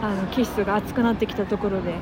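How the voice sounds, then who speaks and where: A woman's voice: medium pitch, fairly even intonation, quick pace, over a noisy crowd. A woman co-hosting a podcast in casual chat, talking keenly with many fillers, recorded outdoors on a city street at night. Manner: chatty, enthusiastic, many fillers. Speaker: podcast co-host. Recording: outdoor street noise, passing traffic.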